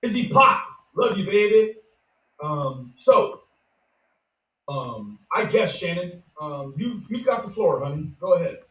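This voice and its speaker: An easygoing man moderates a casual talk, speaking affectionately and chatting freely. His voice is a bit high for a man and sits well back from the microphone. An echoey room surrounds him. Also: big pitch swings, a little slow, a bit bright, recorded from a distance. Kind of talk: casual discussion.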